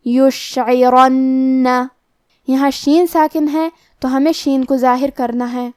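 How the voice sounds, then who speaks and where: A woman teaching the rules of Quran recitation in a scripted lesson, explaining each rule step by step and reciting the words slowly. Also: sits high, steady tone, warm tone, no room sound, clean studio sound.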